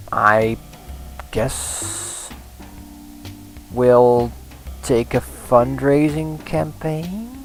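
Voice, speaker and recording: Let's-play host, male, mid pitch, gravelly fry, rambling thinking-aloud delivery, faint music under. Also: poor audio. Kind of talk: casual gameplay commentary.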